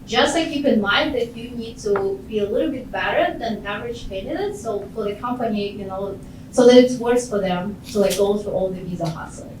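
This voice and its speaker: A woman's voice: mid-range voice, brisk, darkish tone, far from the mic, slight background noise. A woman from Ukraine giving casual, encouraging career advice to students, talking chattily with many "like" fillers. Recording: very echoey room, off-mic.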